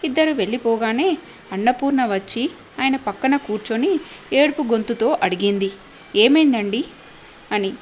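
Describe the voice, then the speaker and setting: A woman's voice: fairly high pitch, moderate pace, slight background noise. A woman narrating a family story in dramatic storytelling style. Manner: dramatic storytelling, voicing each character.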